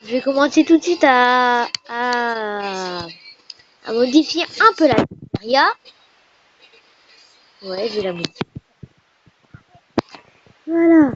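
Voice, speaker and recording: A woman giving casual, chatty and playful commentary while playing a game, with sudden excited squeals. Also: on the high side, measured pace, long pauses. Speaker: gamer. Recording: dull lo-fi recording with faint noise.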